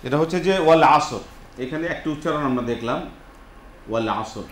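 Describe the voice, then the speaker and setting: A man's voice: a little high, slight background noise. A man teaching Quran recitation in a TV studio, patiently drilling pronunciation for a class. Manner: patient, repeats words slowly for a class to echo. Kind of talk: studio lesson, call-and-response drilling. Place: television studio with students.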